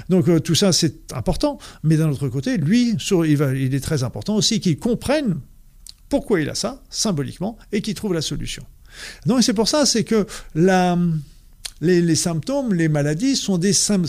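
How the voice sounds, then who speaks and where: A man with a Norman French accent, a health practitioner explaining his views to an audience, halting often with fillers and repeated words. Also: a little high, a little mellow.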